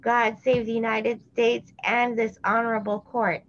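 Woman court crier doing a grand loud ceremonial proclamation, highish voice, bit muffled sound. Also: little pitch movement, a little slow. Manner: loud, grand, declamatory calling-out. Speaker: court crier opening a session.

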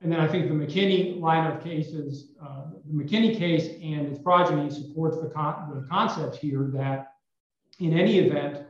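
A man arguing as an attorney before an appeals court in a formal, measured way, his voice hollow as if speaking inside a well. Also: fairly high pitch. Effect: hollow echo, as if speaking inside a well. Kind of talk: appellate oral argument. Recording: echoey, dull remote audio line.

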